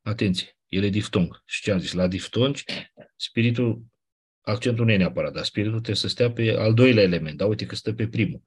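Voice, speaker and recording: Husky-voiced man teaching a class. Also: lowish voice. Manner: conversational, explaining step by step with quick asides. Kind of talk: classroom lecture.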